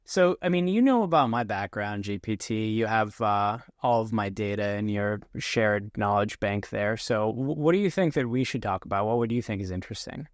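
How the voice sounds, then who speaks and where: A man's voice: fairly low pitch, expressive, moderate pace, hardly any pauses, no echo, studio quality. A man hosting a podcast, curious and probing, who asks questions with hesitant restarts in a casual chat. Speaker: podcast host.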